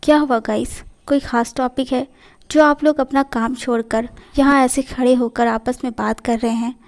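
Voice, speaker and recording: A man's voice: extremely high pitch, steady tone, moderate pace. A woman voicing a friendly, curious young male coworker in a read-aloud fan story. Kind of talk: storytelling in a fan fiction reading.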